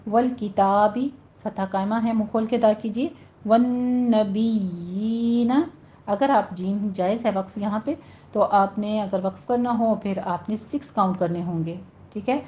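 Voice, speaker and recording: Woman teacher explaining recitation rules, warm dark tone, slow drawn-out examples, lo-fi recording. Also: medium pitch. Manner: patient, instructive, drawn-out demonstrations. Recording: dull lo-fi audio.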